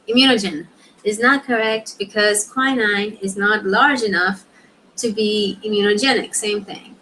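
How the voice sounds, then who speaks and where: A young woman works through practice questions out loud. She reads each explanation in a plain, mid-pitched voice, then drops into quick muttered asides to herself. A faint hiss sits under the recording. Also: rough recording. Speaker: student reviewing exam questions. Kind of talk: thinking aloud while studying.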